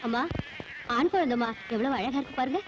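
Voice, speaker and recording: A woman's voice: high-pitched, a little fast, heavy background noise, lightly acted. An actress playing a poor, tender and anxious mother who talks in a pleading way. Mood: worried. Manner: pleading, emotional. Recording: dull lo-fi film soundtrack with music.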